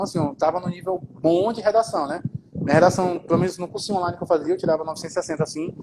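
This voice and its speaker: A man's voice: high-pitched, noisy background. A man with a Brazilian accent telling his story in a casual live interview, informal and swearing as he goes, often repeating himself. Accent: Brazilian Portuguese. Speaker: guest.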